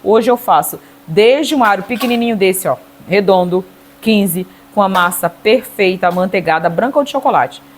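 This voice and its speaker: A woman's voice: medium pitch, animated, moderate pace, slight background noise. A middle-aged Brazilian woman giving a casual cake decorating tutorial, chatty, checking in with her viewers with little tag questions.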